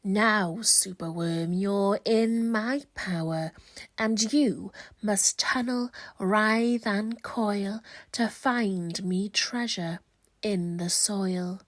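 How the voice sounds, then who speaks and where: A woman voicing a menacing, bossy male wizard lizard in a children's storybook, with slow, commanding, drawn-out delivery. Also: medium pitch, dry recording. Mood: threatening.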